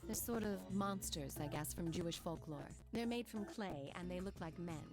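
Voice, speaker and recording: An actress voicing a poised, knowledgeable young woman in a video game, explaining calmly. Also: on the low side, moderate pace, natural voice. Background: game music.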